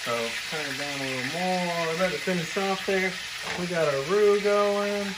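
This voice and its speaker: A man's voice: high voice, moderate pace. A young man hosting a casual cooking video in his home kitchen, chatting to the viewer as he chops and stirs. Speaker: cooking show host. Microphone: camera mic at a distance. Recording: noisy kitchen with sizzling pan. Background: frying and sizzling food.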